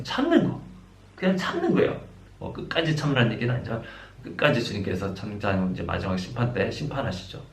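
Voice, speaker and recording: Male pastor with a lively, swooping delivery who hammers home points with repeated questions; reverberant room. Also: medium pitch. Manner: preaching with rhetorical questions and emphatic repetition. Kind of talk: sermon. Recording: roomy, echoey hall.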